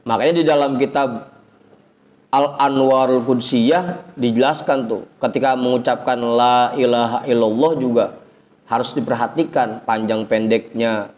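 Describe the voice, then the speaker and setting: A man teaching an informal religious lesson, chanting Arabic phrases slowly, then explaining in a chatty, teasing way. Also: medium pitch, steady tone, a little mellow. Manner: chatty, teasing the audience, colloquial asides. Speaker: ustadz teaching a religious study circle.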